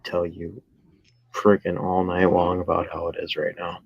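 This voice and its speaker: A husky-voiced man in his early twenties chatting casually, rambling and correcting himself. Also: low-pitched, completely flat delivery, normal speed, no echo. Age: 20s. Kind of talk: casual chat. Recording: dry, dull lo-fi sound.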